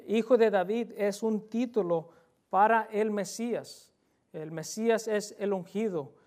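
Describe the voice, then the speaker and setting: A man's voice: high voice, measured pace, a little mellow. A man preaching a sermon in an earnest, emphatic way, repeating key phrases and putting direct questions to his listeners.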